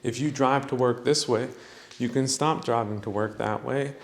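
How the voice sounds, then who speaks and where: A man's voice: mid-range voice, normal speed, creaky, reverberant. A man hosting a podcast, giving a mocking, preachy spiritual monologue that he breaks up with laughs. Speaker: podcast host.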